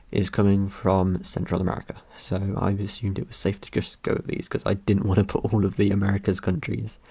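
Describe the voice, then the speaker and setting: A young man talks casually through his results. His voice sits fairly low with a soft, mellow tone. He rambles, cracks dry jokes and leans on plenty of ums and uhs. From Britain. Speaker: vlogger. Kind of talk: casual commentary over results.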